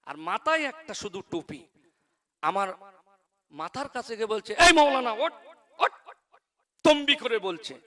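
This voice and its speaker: High, bright-voiced preacher. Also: male voice. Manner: dramatic storytelling, swinging from hushed to loud and declaiming; chants Arabic verses slowly and drawn out. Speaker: Islamic preacher. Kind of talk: fervent Islamic sermon to a live crowd.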